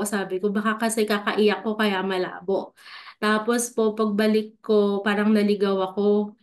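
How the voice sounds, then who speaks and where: A woman from Pangasinan speaks as a nurse being interviewed, telling her story in a casual, personal way. She talks politely, using respectful particles, and fills her sentences with small filler words. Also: mid-range voice. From Pangasinan, Philippines.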